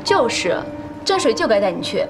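A woman's voice: on the high side, big pitch swings, normal speed. An actress in her twenties playing a pushy, gossipy young woman in a TV drama, brash and nosy. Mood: scheming. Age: 20s. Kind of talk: TV drama acting. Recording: background music.

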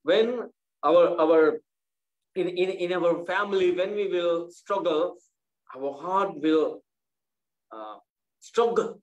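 A male pastor preaching a sermon, repeating his phrases and restarting with halting pauses. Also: high voice, dull audio.

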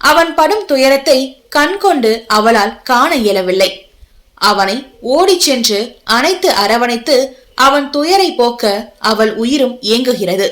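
A woman's voice: high voice, a bit bright. A woman narrating a romance novel with dramatic, emotive storytelling. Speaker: audiobook narrator.

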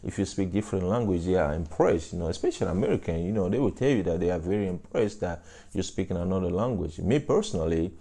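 Sitting on a couch in a small room, an African man in his thirties talks casually to camera for his vlog, offering sincere encouragement and saying "you know" a lot. He first spoke a local African language, then French; his voice is low, mellow, and expressive, and he talks fast into a lapel mic.

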